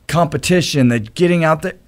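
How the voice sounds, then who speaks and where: A man, a retired baseball pitcher, talking earnestly in a casual radio interview, often restarting his sentences. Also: fairly quick. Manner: rambling, many restarts, earnest.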